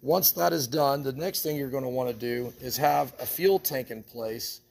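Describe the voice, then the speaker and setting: A man's voice: medium pitch, moderate pace, vocal fry, a little mellow. A man from an equipment shop explaining step by step how to build a trailer rig, talking practically while he handles the parts. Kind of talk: hands-on how-to walkthrough.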